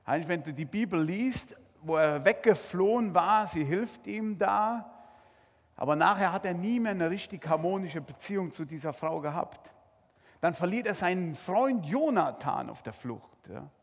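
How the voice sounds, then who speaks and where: A high, husky male voice preaching with swooping, lively intonation and sudden bursts of intensity. He talks straight to his listeners with rhetorical questions. The sermon rings out with the long reverb of a large hall. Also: normal speed. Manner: dramatic, addresses listeners directly with rhetorical questions.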